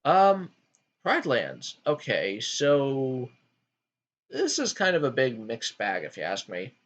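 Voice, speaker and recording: A man hosting a casual gaming chat, talking in an animated way with frequent ums. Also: medium pitch, slow pace. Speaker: podcast host ranking game worlds.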